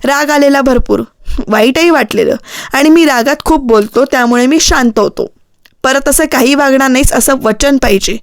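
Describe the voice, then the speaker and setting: Storybook: woman reading as a stern young man, high bright tone, reproachful, dry close sound. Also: normal speed, dry recording. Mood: earnest. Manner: reproachful, scolding questions. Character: angry protective young man, scolding.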